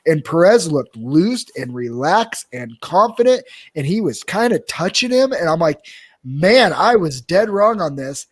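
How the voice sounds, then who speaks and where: A man's voice: fairly high pitch, sing-song. A young man co-hosting a podcast, chatting casually and with strong opinions about fight results. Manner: opinionated, joking, quick asides. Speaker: podcast co-host. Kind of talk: casual fight recap chat.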